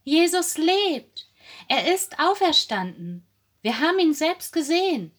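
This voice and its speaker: A woman voicing a group of joyful women who call out their news excitedly in a told Bible story. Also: very high-pitched, a little slow, pitched above the performer's own voice, heavily acted. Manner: excited calling out.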